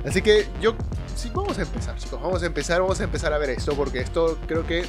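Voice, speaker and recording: A young man comments casually on a video he is watching. His voice sits a little high and he sounds amused and animated, often repeating himself. Music is clearly audible behind him. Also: fast talker. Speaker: reaction video host.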